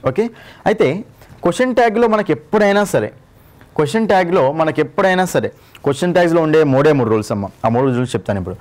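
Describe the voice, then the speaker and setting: A man with a Telugu accent teaches an exam-prep English grammar lesson, repeating each rule and asking the class to confirm they follow. His voice is fairly high-pitched and a little mellow.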